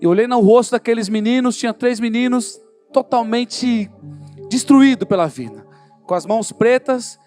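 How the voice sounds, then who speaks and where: A man's voice: extremely high pitch, animated, moderate pace, a little mellow, soft background music. A man with a Brazilian Portuguese accent preaching his testimony at a church service, telling the story and acting out the dialogue with growing fervor. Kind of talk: sermon testimony.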